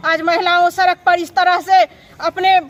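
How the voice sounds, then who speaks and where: A woman's voice: very high-pitched, flat delivery, measured pace. A woman from Bihar giving an impassioned protest speech in the street, full of indignant rhetorical questions. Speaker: protesting anganwadi worker.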